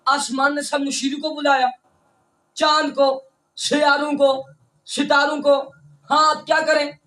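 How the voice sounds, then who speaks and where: A man reciting a religious sermon with poetry, declaiming and rising into shouts before an audience in a large hall. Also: extremely high pitch, monotone. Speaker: zakir reciting a majlis. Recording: echoey hall from far off.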